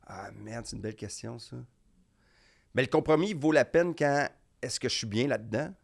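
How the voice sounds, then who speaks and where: Québécois male comic guest, gravelly voice, talks in loose animated restarts. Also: mid-range voice, moderate pace. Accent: Québécois French. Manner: animated storyteller, rambling restarts. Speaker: comedian guest. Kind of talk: casual chat.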